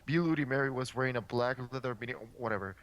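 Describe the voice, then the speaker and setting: A young man doing a mocking dramatic reading in a deadpan, exasperated way. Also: medium pitch, fast talker.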